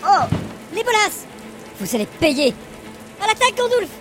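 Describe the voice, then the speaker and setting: A woman's voice: low-pitched, animated, fairly quick. A woman playing a proud elf warrior in a fantasy parody, solemn, formal and grandiose. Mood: defiant. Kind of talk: parody fantasy cartoon acting. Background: music.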